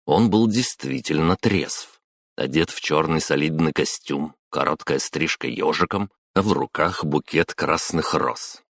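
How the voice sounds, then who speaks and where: A man narrating a story in an even storytelling manner. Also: a bass voice, unhurried, gravelly, no echo, studio quality. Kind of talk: audiobook narration.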